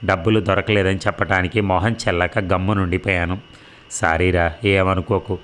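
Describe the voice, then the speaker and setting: A man reading the lines of a blunt, hot-tempered elder brother who works as a schoolteacher, in a low voice. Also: little pitch movement, moderate pace, fairly bright tone, slight background noise. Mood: warm, brotherly. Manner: blunt, scolding.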